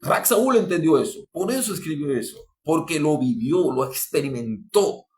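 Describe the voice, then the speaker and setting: This podcast sermon comes from an animated, fervent man speaking at an ordinary pace. He bursts into higher pitch and greater volume without warning and keeps repeating and restarting phrases as he addresses his listeners.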